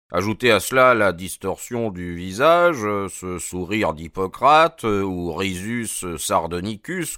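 A man voicing a cool, sharp-minded detective who speaks calmly and precisely with dry irony. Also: fairly low pitch, no room sound. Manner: calm, precise, dryly ironic.

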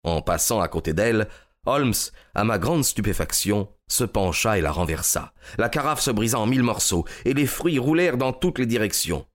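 A man narrating a story in a steady, measured audiobook reading. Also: lowish voice.

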